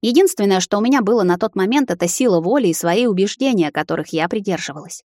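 A woman narrating a first-person fantasy romance audiobook in a steady, expressive storytelling voice. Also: medium pitch, fast, dry recording, clean studio sound.

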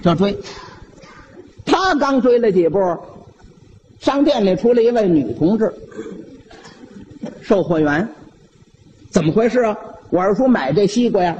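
A man with a Beijing accent telling a comic story solo, in a lively, animated manner. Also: high voice, unhurried, pauses often, big-room sound, muffled recording, slight background noise.

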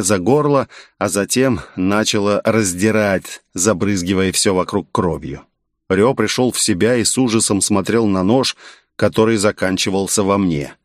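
A man's voice: lowish voice, no echo, studio quality. A man narrating a first-person fantasy audiobook in a wry, conversational way.

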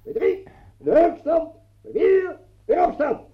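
A man's voice: very high voice, lively intonation, slow pace, full character voice. An actor in a radio play voicing a domineering man who barks drill orders and mocks his victim. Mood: barking drill. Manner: barking commands, mocking, relentless. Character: domineering male tormentor, barking drill orders. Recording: dull lo-fi old radio recording.

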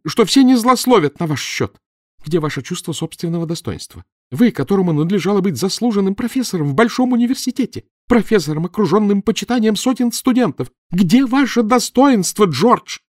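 A man voicing a shrill, furious middle-aged wife who scolds her husband in a high, shrieking voice, in an audiobook. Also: very animated, fairly quick, few pauses, no echo, studio quality. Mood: shrill scolding. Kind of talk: audiobook character voice.

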